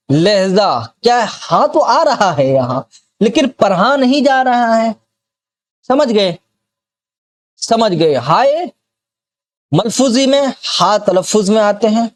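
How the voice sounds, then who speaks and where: A man with a Bihar accent teaching a grammar lesson, who repeats example words one at a time and keeps asking if the student has understood. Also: sits high.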